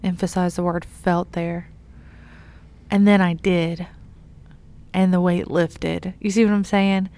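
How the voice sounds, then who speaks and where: A woman's voice: on the low side, level tone, slow, pauses often, warm tone. A young adult woman youth pastor giving an earnest, encouraging devotional talk, laughing at herself now and then.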